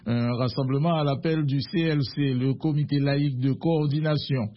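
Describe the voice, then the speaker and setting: A man anchoring a radio news bulletin, reading in a measured, formal way. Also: medium pitch, steady tone. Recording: muffled radio broadcast.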